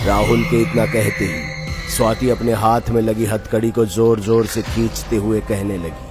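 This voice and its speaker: A man narrates a scripted horror story in a dramatic storytelling style, his lowish voice fairly even in intonation and at a normal speed. Loud music plays behind his voice.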